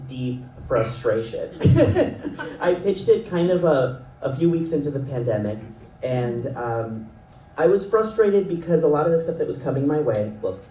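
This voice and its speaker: A mid-range, dark-toned male voice belongs to a festival panelist in his thirties who writes and creates animation. Hailing from South Florida and an Ecuadorian family, he meanders, mocks himself, and laughs frequently. Captured by a distant mic in an event panel hall, the sound is roomy with faint noise.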